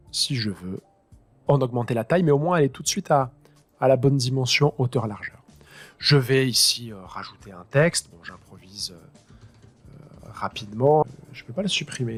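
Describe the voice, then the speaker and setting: A man teaching his high school students how to use a piece of software, talking them through each click as he improvises. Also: husky. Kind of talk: screen-recorded software tutorial.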